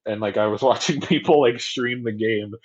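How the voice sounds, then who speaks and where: A young man co-hosting a podcast in casual chat, retelling things in a rambling, profane way and slipping into quick mock voices. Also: fairly low pitch. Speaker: podcast co-host. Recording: slightly dull lo-fi audio.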